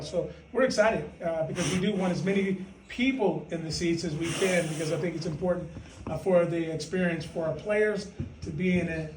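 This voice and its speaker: A man with a high voice chats casually on a podcast, playful and quick to boast. He sits back from the mic, so his voice comes through an echoey room. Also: a little mellow, distant mic. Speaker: podcast co-host, team representative. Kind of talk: casual chat.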